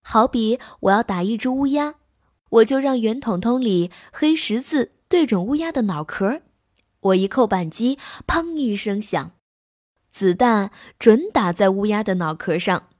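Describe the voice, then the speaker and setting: A woman's voice: a little high, animated, a little slow, darkish tone, dry recording, clean studio sound. A woman voicing a proud, boastful grown male wolf in a children's story, lecturing in a show-offy, impatient way.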